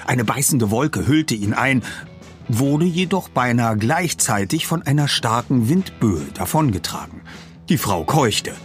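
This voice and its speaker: A man narrating an audiobook with lively storytelling. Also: mid-range voice, a little slow, soft background music. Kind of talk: audiobook reading.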